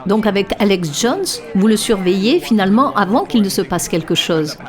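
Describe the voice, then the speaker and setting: A woman's voice: medium pitch, moderate pace, lightly acted. A woman dubbing an inquisitive interviewer who prods for details in a conversational voice-over. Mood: curious, probing.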